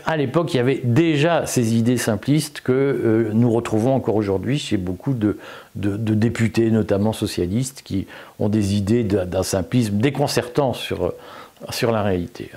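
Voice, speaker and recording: A man's voice: medium pitch, mellow. A man giving an unscripted video commentary, argumentative and emphatic, with frequent fillers and repeated words. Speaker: political commentator.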